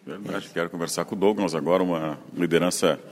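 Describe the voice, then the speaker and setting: A man's voice: low voice, quick pace. A man hosting a rural radio program, interviewing people on site in a conversational way. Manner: conversational, leading questions.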